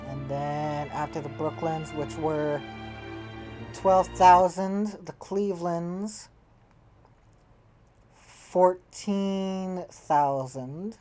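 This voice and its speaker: A woman with a deep, low voice talks slowly through a strategy game, thinking aloud as she tallies figures. She often trails off mid-thought. Faint game music plays underneath. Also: mellow. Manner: musing, trailing off mid-thought while tallying numbers. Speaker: game player. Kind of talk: casual gameplay commentary, thinking aloud.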